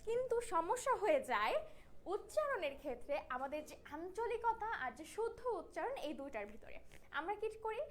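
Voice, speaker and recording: A woman's voice: very high-pitched, a bit bright. A young woman from Bangladesh teaching a Bangla class online, explaining patiently and checking in with her students. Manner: explanatory, checks in with tag questions.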